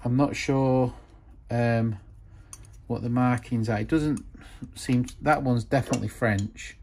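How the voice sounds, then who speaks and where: A man's voice: medium pitch, slight background noise. Rambling man showing off old wrenches. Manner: rambling, hesitant with frequent ums. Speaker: tool collector vlogger. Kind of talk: casual show-and-tell narration. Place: workshop, hands over a wooden bench.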